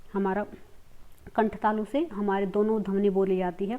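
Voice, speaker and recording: A woman teaching a grammar lesson, sounding out letters slowly and asking questions she then answers herself. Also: on the high side, a little mellow. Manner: explains step by step, repeats letter sounds slowly, asks and answers her own questions.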